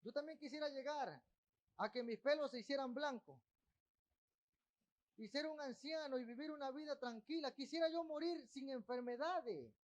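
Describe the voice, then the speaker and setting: A man's voice: very high voice, normal speed. A man preaching a sermon as pastor of a church, breaking off with asides to the congregation. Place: church in Texas.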